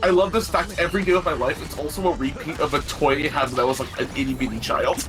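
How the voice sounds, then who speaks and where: A man's voice: a little high, fairly even intonation, fast. A man chatting casually over gameplay as a co-commentator, with a geeky, playfully enthusiastic manner. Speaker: co-commentator on a game stream. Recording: game music behind the voice. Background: game music.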